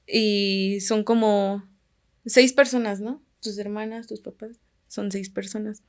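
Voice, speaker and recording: Taking it slowly, a woman from Guerrero, Mexico, shares a casual story as a podcast guest, her Mexican Spanish accent clear. Her calm voice sits at middle pitch, and she often trails off to a near murmur at the end of phrases.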